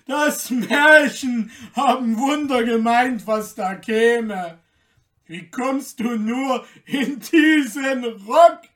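A woman shouting as gruff hostile gate guards. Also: takes it slowly, far from the mic. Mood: barking. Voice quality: rough, deep-voiced per the tale, shouted. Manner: loud barking commands, mocking.

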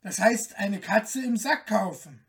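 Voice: mid-range voice, lively intonation, takes it slowly, vocal fry, recorded from a distance. A reader voicing a caliph turned into a stork, earnest and thoughtful in a fairy tale.

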